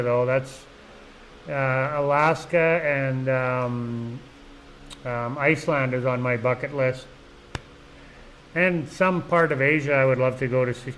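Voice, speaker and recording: A man's voice: medium pitch, fairly bright tone, a little hiss or hum, low-quality recording. Rambling middle-aged man on a live vlog. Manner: rambling, full of "you know" and restarts. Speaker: vlog host. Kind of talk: casual live-stream chat.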